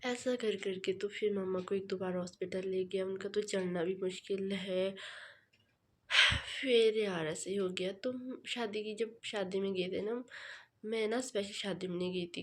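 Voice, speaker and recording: A young woman vlogger from the hills of northern India, chatting fast and rambling with many fillers, sounding tired. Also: medium pitch, a little mellow. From Himachal Pradesh, India. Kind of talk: casual vlog chat. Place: home.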